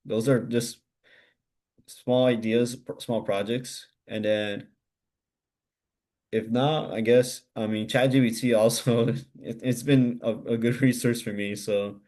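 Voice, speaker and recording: Casting: male mentor, low mellow voice, rambling casual advice full of fillers. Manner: loose, hesitant, many "like" fillers. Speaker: hackathon mentor.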